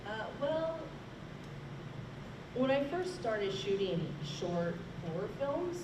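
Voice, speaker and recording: A woman's voice: a little high, sing-song, takes it slowly. A woman, a horror host, casually telling anecdotes about her work on a convention panel. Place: large room at a convention, panel. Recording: roomy, distant, noisy convention hall recording.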